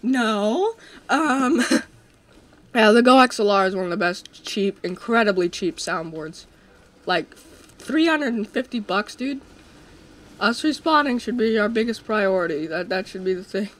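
A man's voice: high-pitched, unhurried. A young man hosting a co-op game session from his desk mic, joking and trailing off with fillers as he plays. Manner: excitable, jokey, trails off with fillers. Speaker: host. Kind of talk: casual gameplay chat.

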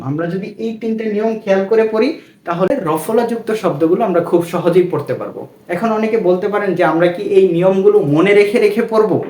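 A man with a high voice leads a classroom-style lesson, spelling words letter by letter and repeating them in a patient drill. He keeps asking rhetorical questions, and the room gives his voice a roomy echo. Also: darkish tone. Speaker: Bengali language teacher.

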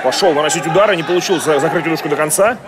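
A man provides live fight commentary. His delivery is fast and his pitch a little high. Crowd noise runs clearly behind the voice.

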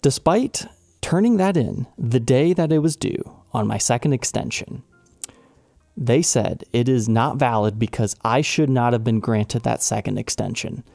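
A man with a gravelly, dark voice tells a personal story as the host of his guitar channel. He sounds animated and exasperated as he retells it. The sound is dry and close. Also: mid-range voice, a little slow, no echo. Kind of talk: storytelling vlog.

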